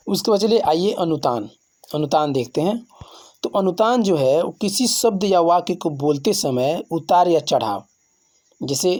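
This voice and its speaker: A man teaching grammar in a classroom-style lesson, explaining slowly and repeating points, often asking a question and then answering it himself. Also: on the high side, mellow. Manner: slow, repetitive explaining.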